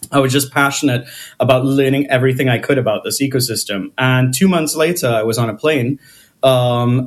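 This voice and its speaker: A man from the Caribbean, a co-founder guest telling his story in a casual interview, with many fillers and restarts. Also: medium pitch.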